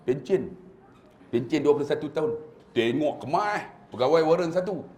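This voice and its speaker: A man's voice: a little high, lively intonation, normal speed, a little mellow, reverberant, slight background noise. A man with a Malaysian Malay accent giving a humorous religious lecture, acting out the people in his stories. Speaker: religious preacher. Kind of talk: lively religious lecture with storytelling.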